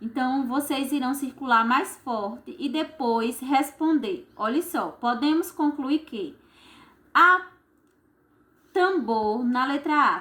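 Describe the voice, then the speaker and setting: A woman's voice: sits high, fairly bright tone. A woman teacher, patiently walking children through textbook exercises step by step. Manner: slow, patient, step-by-step, frequent "certo?".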